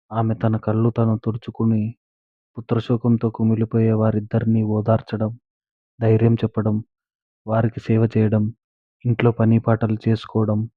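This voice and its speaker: A man narrating a moral story in a steady, even storytelling manner, recorded on a tinny, dry line. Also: lowish voice, no room sound.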